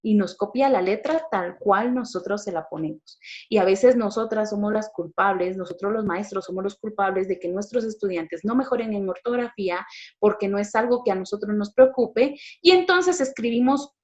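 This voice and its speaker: A middle-aged woman teacher with a Guatemalan Spanish accent gives a classroom lecture. She explains patiently and step by step, pausing often with small fillers. Her voice sits at an ordinary middle pitch. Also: a little mellow, lo-fi sound.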